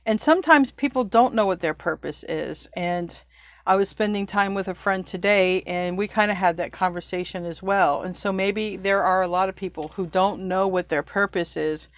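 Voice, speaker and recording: A middle-aged woman gives a relaxed spiritual tarot reading, chatting as if with a friend, correcting herself mid-sentence and laughing at her own slips. Her mid-range voice moves at a normal speed, and the studio-quality recording has no echo.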